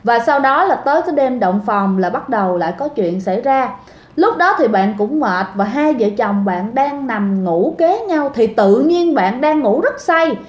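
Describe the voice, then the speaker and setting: A woman's voice: fairly high pitch, expressive, moderate pace. A woman telling a ghost story in a chatty way, often addressing her listeners directly. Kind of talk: casual storytelling. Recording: echoey room.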